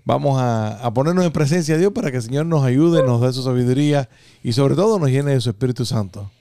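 A man's voice: medium pitch, quick pace, mellow, no room sound. A male radio host. He talks casually to listeners in a dry studio with no room sound. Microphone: studio microphone.

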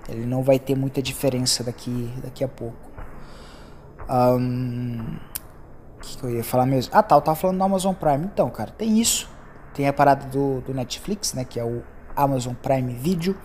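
A young man from Brazil, speaking with a Brazilian accent, runs a casual one-man podcast and meanders between topics. His medium-pitched voice is a little mellow at a normal speed, with a bit of hiss or hum in the recording.

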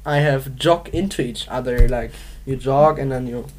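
A woman's voice: rumbling low, normal speed, darkish tone. A woman from Manchester co-hosting a podcast, giggly and playful while chatting through a word game. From Manchester, England. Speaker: podcast co-host. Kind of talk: casual game chat.

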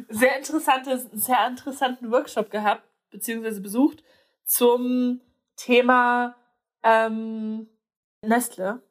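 Chatty young woman, slightly high voice. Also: steady tone, takes it slowly. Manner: hesitant, many fillers and restarts. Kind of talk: casual chat.

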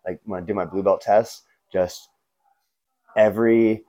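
Male interview guest, slightly low voice, casual storyteller with a loose frat-bro way of talking. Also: steady tone, a little slow, warm tone. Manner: laid-back frat-bro slang, peppered with "man", "bro" and "you know". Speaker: guest, martial arts instructor and skateboarder. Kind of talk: casual chat, telling stories.

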